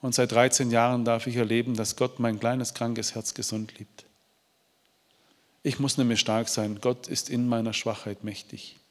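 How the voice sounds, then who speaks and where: A man's voice: mid-range voice, level tone, moderate pace. Heartfelt male preacher in a reverberant hall. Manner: heartfelt, pleading, with frequent restarts and stammered repeats. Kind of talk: emotional testimony and preaching.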